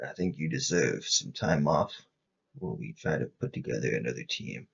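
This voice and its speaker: A calm, supportive male boss, acted by a man in a tabletop game, reassures in measured phrases. The voice is deep and full of fry, with slightly dull sound. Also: heavily acted. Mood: calm, consoling.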